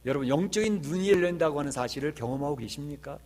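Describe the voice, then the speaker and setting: A man's voice: fairly high pitch, lively intonation, fast, a little mellow. A male pastor preaching a sermon in an earnest way, with emphatic swells and rhetorical questions.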